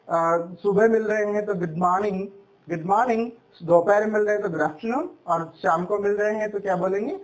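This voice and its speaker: A man teaching spoken English as a lesson, explaining slowly and repeating himself with fillers. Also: high voice, low-quality recording. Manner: slow, repetitive explaining with fillers.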